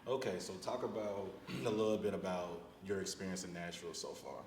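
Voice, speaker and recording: A man hosting a podcast in casual chat, excitable and slangy, quick to laugh. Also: low-pitched, slight background noise. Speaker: podcast host. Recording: echoey room with long reverb.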